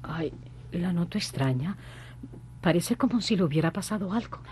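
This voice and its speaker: A woman's voice: lowish voice, animated, normal speed, darkish tone, close to an everyday voice. An actress playing a fretful, anxious woman in a radio drama, fussing with worried questions. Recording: noisy radio recording.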